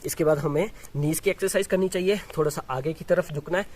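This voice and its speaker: A man's voice: fairly high pitch, fast talker, darkish tone, a little hiss or hum. A man teaching yoga and breathing exercises, explaining step by step with frequent restarts and demonstrating as he talks. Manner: demonstrates exercises while talking. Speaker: yoga instructor. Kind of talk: instructional demonstration.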